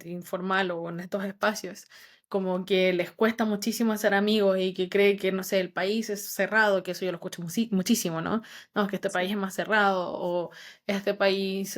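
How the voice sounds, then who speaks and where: A young adult woman with a Chilean accent, a psychologist calmly explaining her views with many asides in a podcast chat. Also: medium pitch. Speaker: psychologist guest. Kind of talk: casual podcast conversation.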